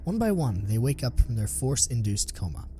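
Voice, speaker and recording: A man giving scripted narration of a sci-fi story in an even storytelling manner. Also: medium pitch, moderate pace, slight background noise.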